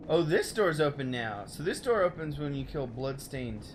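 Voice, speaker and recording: A young man chatting casually through a game stream, rambling and excitable, exclaiming at the game as he plays at home. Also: a little high, a little hiss or hum. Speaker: let's play streamer. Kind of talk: casual gameplay commentary. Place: home room.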